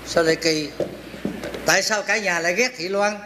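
A man's voice: high voice, fairly even intonation, moderate pace, roomy sound, noisy background, close to an everyday voice. A man playing a judge who questions a witness in a formal, commanding way. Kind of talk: stage comedy skit.

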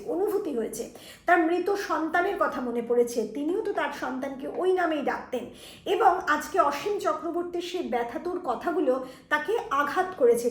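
A woman teacher talking students through an exam revision lesson, explaining step by step and speaking to them directly. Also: sits high. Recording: echoey room.

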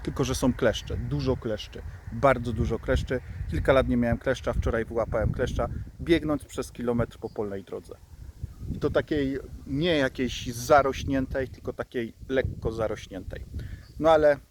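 A man's voice: mid-range voice, steady tone, moderate pace, rough recording. A man talks casually and unscripted in an outdoor vlog, repeating phrases for emphasis. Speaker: running vlogger. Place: outdoors by a road with passing vehicles. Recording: raw outdoor recording with wind noise.

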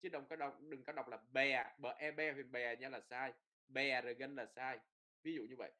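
A man's voice: medium pitch, steady tone, normal speed, sharp tone. A man teaching a pronunciation lesson, explaining rules and repeating drill words with frequent tag words. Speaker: Norwegian language teacher.

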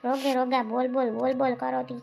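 A woman playing a sharp-tongued older village mother who nags and scolds loudly. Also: high-pitched, flat delivery, brisk, gravelly, slight background noise. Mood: scolding. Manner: nagging, loud scolding.

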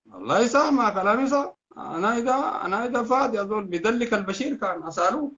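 A man's voice: sits high, animated, pushed and bright. A man with a Sudanese Arabic accent, hosting a heated political live stream, ranting with repeated insults. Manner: fast, heated, insulting, repetitive. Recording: dull lo-fi sound.

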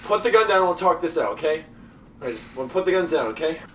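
A man's voice: on the high side, lively intonation, fast, roomy sound, far from the mic, a little hiss or hum, close to an everyday voice. An actor playing a volatile, profane male crook in an over-the-top crime comedy. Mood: placating. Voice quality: explosive, profane. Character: volatile male crook, shouting then joking.

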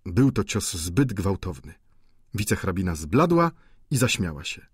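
Husky-voiced male audiobook narrator. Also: deep voice, sing-song, unhurried, dry recording, studio quality. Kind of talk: literary audiobook reading.

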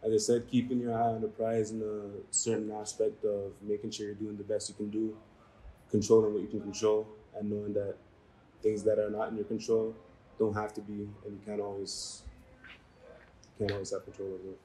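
Low, dark-voiced young man. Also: completely flat delivery, slight background noise, rough recording. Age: young adult. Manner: measured, reflective, with frequent ums. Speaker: university football player. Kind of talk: post-game press conference answers. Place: small room before a maroon backdrop.

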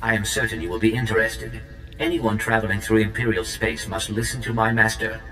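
A man voicing a coldly polite male protocol droid through a robotic processed computer voice, flat and precise. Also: on the low side, brisk, echoey room, big-room sound, a little hiss or hum, rough recording. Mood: formal. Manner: flat, precise, clipped announcements.

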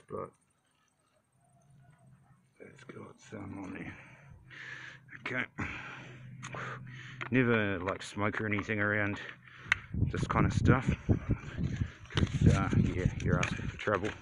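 A man's voice: on the low side, fairly even intonation, slow, vocal fry, pauses often. A man in his forties with a broad New Zealand accent, chatting casually and laconically in slangy, sweary phone-vlog style. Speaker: vlogger. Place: mostly outdoors, some in a car. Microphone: handheld phone at arm's length. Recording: wind and traffic noise on phone mic.

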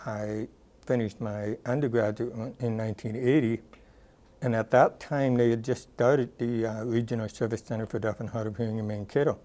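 Speaking in a flat, mid-range voice, this retired rehabilitation counselor in his sixties reflects calmly on his working life for an oral history. His answers are peppered with ums and uhs, captured by a lapel mic in an acoustically dead studio.

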